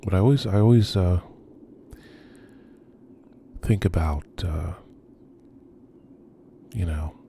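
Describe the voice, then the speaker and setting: A man with a very low, mellow voice narrates an exploration tour off the cuff. He speaks slowly and haltingly, musing as he goes and often sinking toward a murmur. Faint background noise sits behind him. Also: vocal fry. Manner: hesitant, halting, musing delivery with trailing phrases. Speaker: video host and urban explorer. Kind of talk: unscripted narrated tour of abandoned houses. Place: on location at night around abandoned row houses. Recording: noisy ambient location recording.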